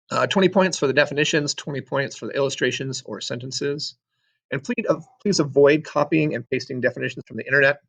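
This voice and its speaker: A man's voice: mid-range voice, fairly bright tone. Middle-aged guy teacher doing a screen recording for his class, chatty, jokes around, lots of ums. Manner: chatty, joking asides, lots of ums and self-corrections. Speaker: sixth-grade social studies teacher.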